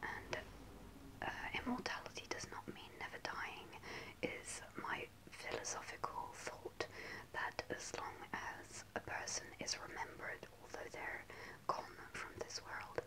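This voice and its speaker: Whispering softly and unvoiced at a measured pace, a young woman tells a personal story for her ASMR audience, hesitant and full of ums. She's close to a face-level camera in a small indoor room before a starry backdrop. The recording quality is low.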